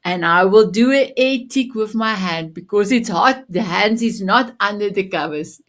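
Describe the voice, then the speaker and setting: A woman whose first language is Afrikaans hosts a live-streamed motivational show, upbeat and affirming and full of endearments. Her voice is medium in pitch.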